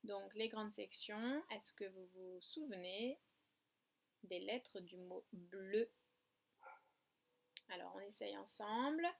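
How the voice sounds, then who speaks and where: A woman kindergarten teacher giving a home video lesson to young children, with slow, patient instructions, counting aloud and repeating words. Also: medium pitch, vocal fry.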